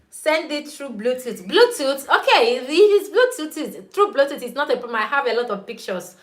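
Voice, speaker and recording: A young YouTube host with a Nigerian accent, whose first language is Igbo, chats casually on a livestream, reading viewer comments, laughing often, and greeting people by name. Her voice sits high with big pitch swings at a normal speed.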